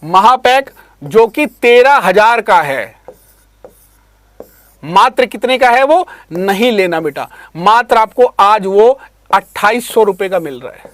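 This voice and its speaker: A man who teaches exam prep online, addressing students fondly and repeating himself while pitching a course. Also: animated, slow pace, fairly bright tone, no echo. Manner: repetitive, calls listeners "beta", pushy sales pitch. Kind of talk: promotional talk to students.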